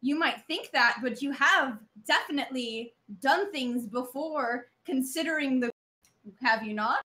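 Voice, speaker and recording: Bright, high-pitched teasing woman player. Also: a little slow. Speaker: tabletop game player. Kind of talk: in-character banter in a tabletop role-play.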